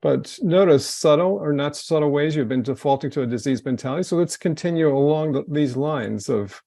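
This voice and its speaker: Gravelly, dark-voiced man leading a reflection. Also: on the high side, no room sound, studio quality. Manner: gentle, loosely phrased, halting restarts. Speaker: wellness course leader. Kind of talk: guiding a group reflection session.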